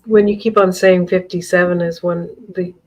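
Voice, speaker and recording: Middle-aged woman, quiet co-streamer, slightly low pitch. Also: level tone, normal speed. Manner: quiet, brief agreeing replies. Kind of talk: casual chat. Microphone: video call.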